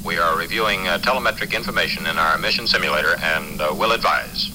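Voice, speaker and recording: A man playing a mission control operator speaking over a radio transmission, calm and clipped in radio procedure. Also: low-pitched, quick pace, noisy background. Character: steady male ground controller on the radio. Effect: radio transmission from ground control.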